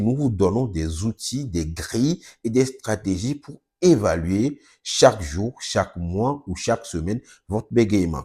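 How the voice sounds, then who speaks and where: A man who is a speech therapist, giving a steady, earnest explanation in a video presentation. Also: lowish voice, slightly rough.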